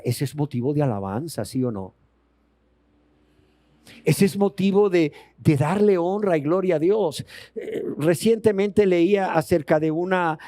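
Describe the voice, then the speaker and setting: A man delivers a sermon in an emphatic, storytelling way, often turning to his listeners with rhetorical questions. His voice sits fairly high yet sounds mellow and relaxed. The recording is dry and close. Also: dry recording. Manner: retells scripture stories and acts out the characters' words. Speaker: preacher.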